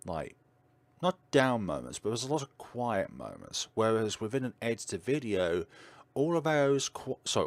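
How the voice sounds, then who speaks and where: Deep voiced guy streaming, lots of likes and ums, bit of a stutter, dry close sound. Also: dry recording. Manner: chatty, filler-heavy, slight stutter. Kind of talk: casual livestream chat.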